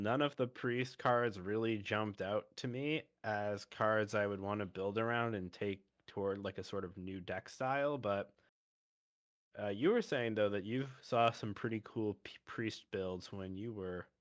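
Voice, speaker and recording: A man's voice: on the low side, a little slow. A man hosting a podcast, talking through card games in a thoughtful, casual way. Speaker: podcast host.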